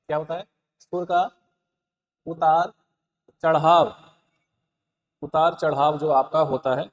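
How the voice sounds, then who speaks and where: A man's voice: a little high, darkish tone. Man teaching exam prep in a reverberant room. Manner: repeats key points, quizzes listeners with rhetorical questions. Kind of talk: Hindi exam-prep lesson, explaining answers.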